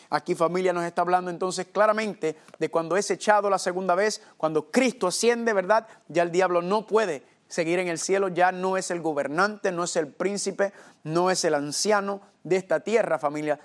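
A man's voice: high-pitched, moderate pace. A man preaching a Bible study sermon, calling his listeners family and tossing in rhetorical questions.

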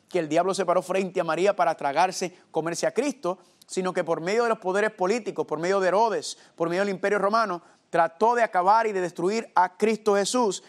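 A man preaching a Bible study sermon, calling his listeners family and tossing in rhetorical questions. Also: high voice.

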